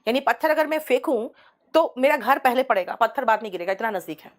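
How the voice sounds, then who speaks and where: A woman's voice: on the high side, expressive, quick pace. A woman teaching an online English class, explaining idioms patiently and calling her students "beta". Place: studio.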